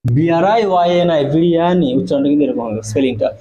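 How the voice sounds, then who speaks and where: A man's voice: on the high side, racing, mellow, muffled recording, a little hiss or hum. A man teaching a spoken English class to students. He explains step by step, spells words out letter by letter and keeps checking in with "okay?".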